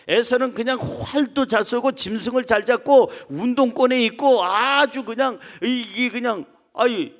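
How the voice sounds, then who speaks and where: Pastor guy preaching, high voice, jokey and lively, goes loud then drops to almost a whisper. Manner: animated and joking, swings between loud calls and soft asides; leads the congregation in reading aloud. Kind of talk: sermon.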